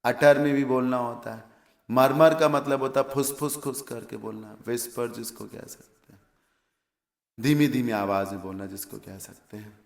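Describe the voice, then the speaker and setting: Gravelly Indian male English teacher. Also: mid-range voice, steady tone, moderate pace, reverberant. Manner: explains word meanings step by step, asks and answers his own questions. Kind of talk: exam vocabulary lesson.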